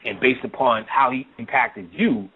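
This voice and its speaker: A man delivers an occult lecture in a casual, rambling way, full of swearing and constant "you know what I'm saying" check-ins. His voice sits at an ordinary middle pitch. The audio is narrow and tinny, like a phone call. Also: normal speed, husky.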